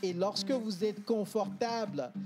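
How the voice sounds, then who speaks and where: A man's voice: high voice, unhurried. A man, an English coach explaining confidently on a talk show, with many hesitations. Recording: TV studio with music playing behind.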